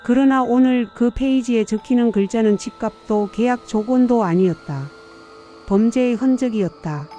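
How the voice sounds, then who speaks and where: Older lady reading an audiobook story, slow and somber, mellow voice, faint music behind. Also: on the high side. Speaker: narrator. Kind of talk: scripted first-person audiobook narration.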